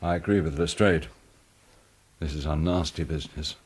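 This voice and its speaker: An actor playing a stolid, deferential but touchy Victorian police inspector in a British radio drama, terse and formal. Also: male voice, rumbling low, normal speed, husky. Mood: sober.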